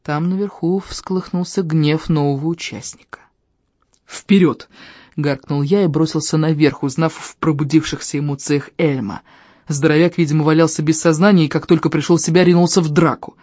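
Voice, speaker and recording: An audiobook reader narrating a first-person adventure novel in a steady, low-key way. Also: fairly quick, no echo. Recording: dull, dry lo-fi audio.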